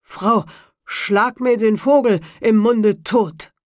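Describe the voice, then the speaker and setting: A woman's voice: on the high side, fairly even intonation, slow pace, no room sound, clean studio sound, pitched above the performer's own voice. A woman voicing a despairing, hot-tempered male carter who laments aloud. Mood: commanding.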